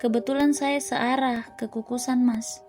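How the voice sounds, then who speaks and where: A woman putting on an easygoing, polite pedicab driver man in a spooky storybook tale. the voice stays a little high and mellow, with soft music behind. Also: fairly even intonation, unhurried, lightly acted. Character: friendly middle-aged male pedicab driver.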